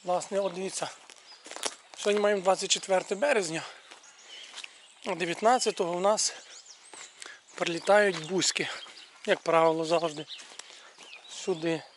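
A man's voice: sits high, moderate pace, pauses often, a little hiss or hum. A man giving a casual walk-and-talk video tour outdoors in his rural yard, chatting to viewers and pointing things out as he goes. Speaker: video blogger showing his village yard. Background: faint birdsong and outdoor sounds.

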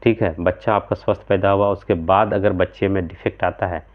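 Talking to camera from a small room at home, a homeopathic practitioner in his thirties explains remedies step by step, earnest and briskly paced. His low voice stays flat in pitch as he gestures with both hands and keeps checking in with "theek hai." The audio is thin and tinny, like a phone line.

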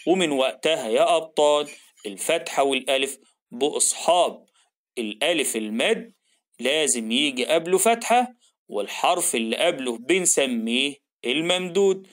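A man's voice: on the high side, expressive, moderate pace, a bit bright. A man with an Egyptian Arabic accent teaching a children's reading lesson, encouraging and stretching out syllables as he models them.

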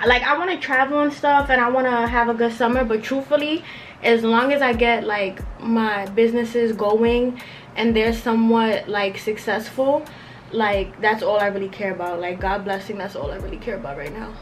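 This beauty and lifestyle vlogger, a young woman around her twenties, speaks at a moderate pace with fairly even intonation and a voice on the high side. She rambles casually and slangily with plenty of filler words during a get-ready-with-me vlog in her bedroom, with slight background noise.

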